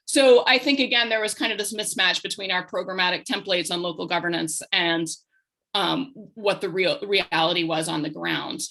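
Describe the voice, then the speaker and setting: A woman's voice: lowish voice, moderate pace, vocal fry, sharp tone. A woman panelist at a policy roundtable, speaking analytically with frequent hesitations.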